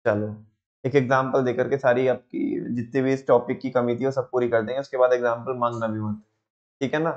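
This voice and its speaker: A man's voice: medium pitch, level tone, fairly quick, lo-fi sound. A young man teaching a class, telling stories, acting out quotes and quizzing his students as he explains. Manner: storytelling, asks students questions, acts out quotes. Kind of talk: lively classroom lecture with acted examples.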